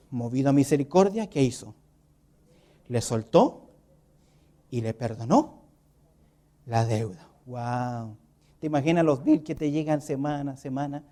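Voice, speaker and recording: A preacher delivers an emphatic sermon and keeps tossing rhetorical questions to the listeners. The voice rises for emphasis, then sinks low and quiet to drive a point home. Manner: swings between loud lifts and low quiet drops.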